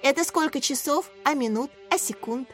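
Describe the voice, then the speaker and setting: A woman reading the part of a kind, playful young schoolteacher in a storybook, in a gentle, teasing way. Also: high-pitched, moderate pace, soft background music, voice pushed up.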